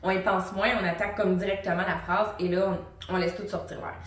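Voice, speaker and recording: A woman, a singing teacher and vocal coach, explaining technique to the viewer in a lively, casual way and demonstrating the sounds herself. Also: fairly low pitch, fast talker. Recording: very echoey room, mic at a distance.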